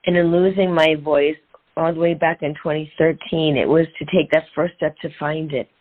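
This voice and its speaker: Over a narrow, phone-like line, a middle-aged woman coach in transformational and women's empowerment speaks as a guest in a conversational interview. Her low voice holds a steady tone at normal speed as she shares inspirational stories, repeating phrases to drive points home.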